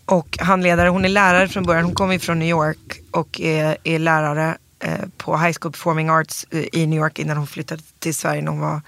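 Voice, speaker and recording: A man's voice: fairly high pitch, level tone, creaky, few pauses, a bit bright. A man, a guest singer telling rambling, self-interrupting stories in a casual interview. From Sweden.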